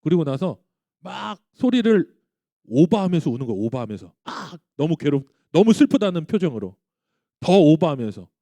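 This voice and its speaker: A man's voice: a little high, sing-song, fairly quick, dark tone, no echo. A man in his thirties, a pastor giving a sermon to young adults, telling stories animatedly and asking the congregation questions. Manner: acts out quoted dialogue in his stories. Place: church.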